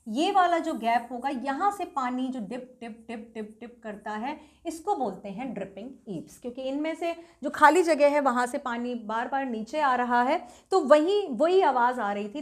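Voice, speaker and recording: A young adult woman with an Indian accent, explaining a story step by step as a teacher and reading passages aloud slowly. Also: high voice. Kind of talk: bilingual literature lesson, explaining and reading aloud.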